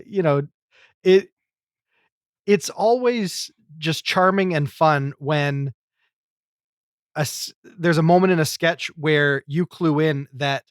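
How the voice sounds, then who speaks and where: A man hosting a comedy podcast, talking in a thoughtful, measured way. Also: mid-range voice, smooth, no echo, clean studio sound. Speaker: podcast host. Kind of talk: casual chat.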